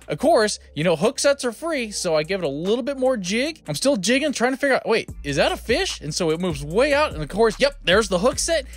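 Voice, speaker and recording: A man in his thirties hosting a fishing vlog, narrating upbeat and whooping when he lands a fish. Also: high voice. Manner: upbeat, excited whoops on catches. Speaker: fishing vlogger. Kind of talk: voice-over narration and live reactions. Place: small fishing boat on a river outdoors.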